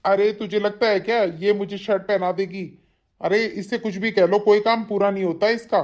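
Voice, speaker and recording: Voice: mid-range voice, fairly even intonation, normal speed, a little mellow, lightly acted. A voice actor playing an irritable, rude young husband in a cartoon, scolding and complaining. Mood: exasperated. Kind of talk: cartoon voice acting.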